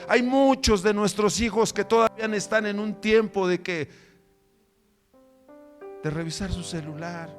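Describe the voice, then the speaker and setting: A man pastor preaching a sermon with fervent rhetorical questions, swinging between loud emphatic lines and quiet low ones.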